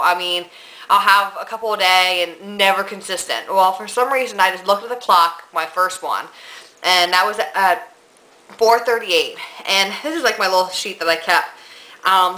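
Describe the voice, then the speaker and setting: Young woman, vlogger, bright tone, congested nose, breathless, chatty and rambling. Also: medium pitch, rough recording. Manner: chatty, rambling, many ums and likes. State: stuffy nose. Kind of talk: casual pregnancy vlog.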